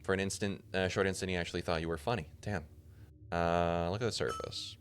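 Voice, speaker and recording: A man's voice: low voice, fairly even intonation, a little fast, a little hiss or hum. A man streaming a video game, reading its text aloud casually with muttered asides and swearing.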